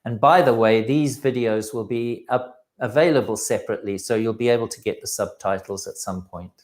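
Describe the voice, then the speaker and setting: A man's voice: lowish voice, moderate pace. A man co-hosting a discussion program, talking in a hesitant way as he leads the talk and cues the clips. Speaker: co-host.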